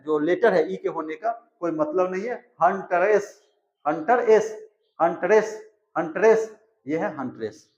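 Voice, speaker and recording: A man teaching English grammar in Hindi, spelling out and repeating words slowly to show their pronunciation. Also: fairly high pitch, a little mellow. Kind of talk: explanatory lesson. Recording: echoey, slightly dull recording.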